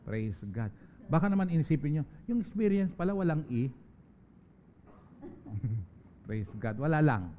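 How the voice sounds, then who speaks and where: A man with a Filipino accent preaching a sermon in a church, mixing Tagalog and English and telling stories with sudden loud, high bursts. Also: very animated, unhurried, pauses often, highs cut off, slight background noise. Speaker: pastor. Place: church service.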